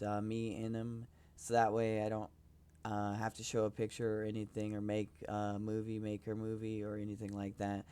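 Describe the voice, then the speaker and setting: A man's voice: fairly low pitch, darkish tone, clear, resonant tone. A young man rambling casually about his music on his own podcast, hesitant and self-promoting. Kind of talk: casual solo podcast talk.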